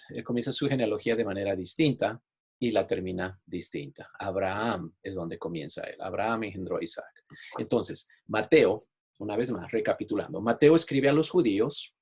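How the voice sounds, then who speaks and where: In an online class, a Bible teacher shares his screen and explains patiently, often repeating "¿ok?" to check that listeners understand. His voice sits on the low side with a breathy edge.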